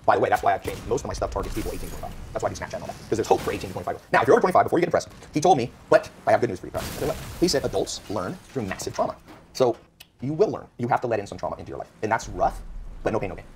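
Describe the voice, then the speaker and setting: A man talks at a very fast clip as a podcast guest. He tells motivational stories with strong emphasis and acts out the people he quotes. Faint noise sits under his voice. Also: lowish voice, big pitch swings. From United States (California). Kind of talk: animated motivational storytelling.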